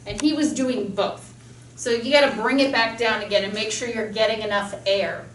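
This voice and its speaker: A woman teaching a speech class in a chatty, fast-talking way, her tone bright and crisp. Her voice sits a little high. The sound is roomy and distant, with faint classroom noise behind her. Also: fairly even intonation. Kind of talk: classroom lecture. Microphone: camera mic across a classroom.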